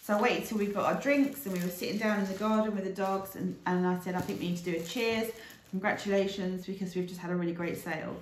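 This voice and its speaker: A woman's voice: medium pitch, fairly even intonation, fast talker, a little hiss or hum. Chatty British woman in an echoey room. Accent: British English. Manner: chatty and rambling, with fillers and asides. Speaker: reseller vlogger. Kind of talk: casual chat to camera.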